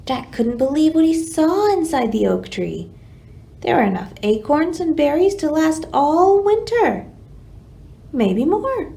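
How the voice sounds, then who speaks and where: At a library storytime, a woman reads a children's picture book aloud with expressive, dramatic flair. Her voice sits high and creaky, and she takes her time.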